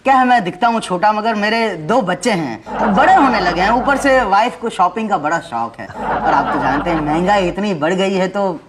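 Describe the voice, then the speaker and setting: A man's voice: expressive, moderate pace, a loud crowd. A man playing a sly, greedy office clerk who bargains for bribes in a comedy sketch. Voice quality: wheedling, bargaining tone. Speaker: corrupt electricity clerk Patel. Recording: very noisy low-budget sketch audio.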